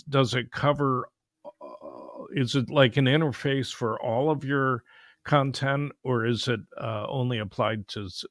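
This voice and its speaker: A male podcast host asks his questions slowly, stopping and restarting with plenty of fillers. His voice has an ordinary middle pitch. The recording is dry and close. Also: gravelly, a bit bright, no echo. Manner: halting, hesitant questions with fillers. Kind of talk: podcast interview.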